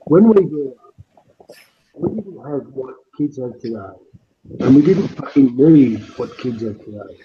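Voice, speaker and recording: A man's voice: mid-range voice, expressive, measured pace. A man in his fifties chatting casually on an online call, his voice sounding like it's in an echo chamber, rambling and repeating words as he starts a point. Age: 50s. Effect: echoey, echo-chamber sound on the call. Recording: muffled, noisy online call audio.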